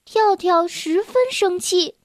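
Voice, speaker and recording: A woman reads a bedtime storybook aloud in a gentle way, her voice very high and her pace slow. The sound is close and dry, with no room around it. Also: no room sound. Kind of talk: children's storybook narration.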